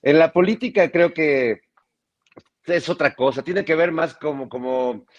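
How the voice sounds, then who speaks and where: A man's voice: a little high, a little slow, dull audio. A man, a guest on a political panel, talking through extended metaphors and stopping to restart his words. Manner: reflective, talks in metaphors, many restarts.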